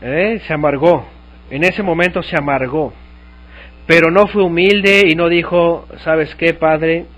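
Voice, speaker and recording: A man's voice: fairly high pitch, a little slow, dull audio. A man teaching a Bible study, explaining scripture and asking his listeners questions.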